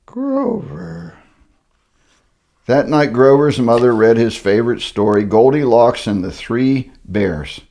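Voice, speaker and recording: Older man, gravelly, lively pitch, reading a storybook aloud, wry asides. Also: slow pace. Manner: wry, joking asides between lines. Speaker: grandparent reading to children.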